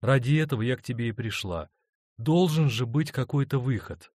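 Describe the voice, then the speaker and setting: A man's voice: mid-range voice, moderate pace, darkish tone, dry recording, clean studio sound, voice pushed up, lightly acted. A man reading an audiobook, voicing an adult woman torn between two men who speaks in an earnest, pleading way.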